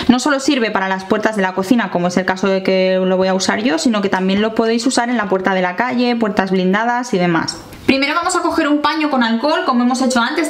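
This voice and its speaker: Spanish woman doing a kitchen tutorial, kinda high voice, echoey tiled room. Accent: Peninsular Spanish. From Spain. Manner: friendly, explanatory, addresses viewers directly. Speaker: home tips presenter. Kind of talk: home how-to tutorial. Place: home kitchen, indoors.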